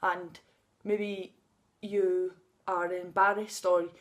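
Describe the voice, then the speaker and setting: A fairly low-pitched woman's voice, flat in delivery, stretches out her words. The speaker, a vlogger in her thirties filming outdoors in the sun, shares personal feelings openly and unscripted, laughing at times, and her stutter makes her block on first sounds.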